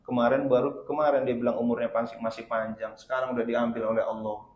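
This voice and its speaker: A man voicing a quiet remorseful grieving woman. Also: medium pitch, little pitch movement, fast, lightly acted. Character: grieving middle-aged woman, remorseful and confessing. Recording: roomy hall echo.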